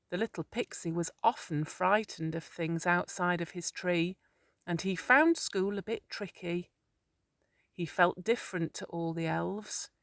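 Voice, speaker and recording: A woman narrating a calm, therapeutic children's story in a soothing, measured way. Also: lowish voice, dry recording, clean studio sound.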